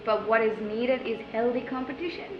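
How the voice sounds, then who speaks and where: A woman's voice: a little high, moderate pace, dull audio. Woman on a panel, echoey noisy room. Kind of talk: informal panel remarks.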